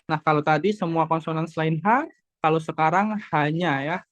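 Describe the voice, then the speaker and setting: A woman teaching a class over a video call, explaining slowly, repeating points and checking that everyone understands. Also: sits low. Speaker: Korean language teacher. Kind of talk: online class lesson.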